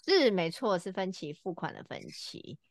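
A woman's voice: mid-range voice, very animated, normal speed, no room sound. Dry-voiced woman telling a podcast story. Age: middle-aged. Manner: storytelling with frequent 'uh' fillers. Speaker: podcast co-host. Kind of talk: casual podcast chat.

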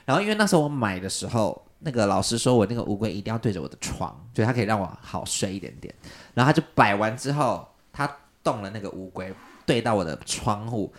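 A man casually telling a long story on a podcast, animated and jumping up in pitch when he quotes people. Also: quick pace. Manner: animated, jumps high when quoting people.

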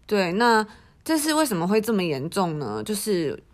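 A woman's voice: mid-range voice, sing-song, moderate pace. A woman podcast co-host with a Taiwanese Mandarin accent, discussing news casually and conversationally.

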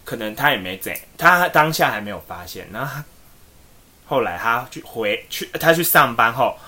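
A man co-hosting a podcast spins an animated, meandering story loaded with fillers, in a mid-range voice at a moderate pace.

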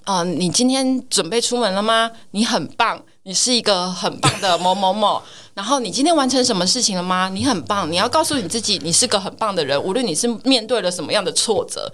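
一位三十多岁的女人，以活泼的语气在播客中闲聊、讲述自己的经历，常常笑出来。. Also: female voice, mid-range voice, fast. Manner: animated storytelling, laughing often. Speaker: podcast co-host. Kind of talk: casual chat.

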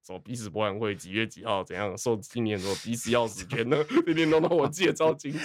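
A man in his thirties with a Taiwanese Mandarin accent, chatting on a podcast, telling a story with animated, laughing delivery. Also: fast talker, dry recording. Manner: animated storytelling, acts out quotes in a high squeaky voice, laughs often. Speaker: podcast co-host. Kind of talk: casual chat.

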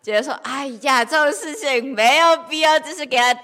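A woman whose first language is Korean, co-hosting a podcast and telling stories in an animated, laughing way. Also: high voice, a little fast. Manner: animated storytelling, bursts of laughter. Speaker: podcast co-host. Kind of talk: casual chat.

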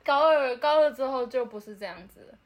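A woman's voice: sits high, fairly quick. A young woman with a Taiwanese Mandarin accent, co-hosting a podcast in casual chat, laughing a lot and repeating herself when she's teased. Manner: giggly, self-deflecting, repeats herself. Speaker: podcast co-host.

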